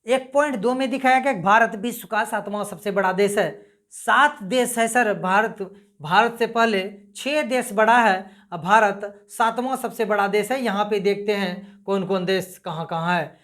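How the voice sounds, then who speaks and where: A woman's voice: mid-range voice, normal speed, a bit bright. A woman teaching a geography lesson, repeating points and quizzing her listeners as she goes. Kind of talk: casual classroom-style lesson.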